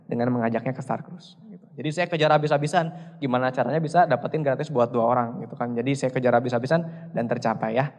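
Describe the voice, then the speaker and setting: A man's voice: mid-range voice, darkish tone. A young man giving a motivational seminar talk on stage, chatty and joking, speaking straight to the audience. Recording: reverberant hall.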